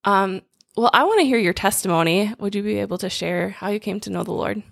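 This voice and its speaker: Gravelly-voiced woman hosting a podcast. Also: medium pitch, brisk, no echo, clean studio sound. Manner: upbeat, encouraging. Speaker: podcast host. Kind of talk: podcast interview, casual.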